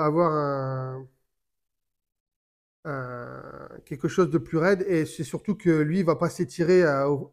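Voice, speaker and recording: Man, slightly high voice, casual how-to, halting, many fillers and restarts, talks while handling gear. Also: a little mellow. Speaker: fishing tutorial maker.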